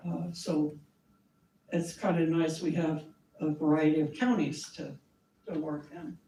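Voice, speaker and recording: In an echoey meeting room, a woman with a lowish, slightly mellow, scratchy voice speaks from far off the mic. She gives a friendly, chatty, informal presentation to a community meeting, dropping in small laughs and fillers.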